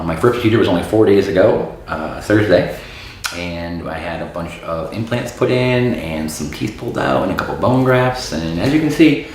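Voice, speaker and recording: A man in his thirties from Florida speaks in a low voice, casual and frank, with plenty of um's and uh's. He is a dental patient giving a testimonial to camera. The sound is very echoey, with a faint hiss of noise behind him. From Florida, USA. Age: 30s. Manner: relaxed, frank, many fillers and um's.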